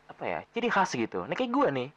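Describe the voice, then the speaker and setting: This podcast host is a young adult from Jakarta, Indonesia, whose Betawi-accented speech rambles loosely, crowded with fillers and self-corrections. He talks quickly at a fairly high pitch with huge swings, his tone a bit bright, though the audio sounds dull.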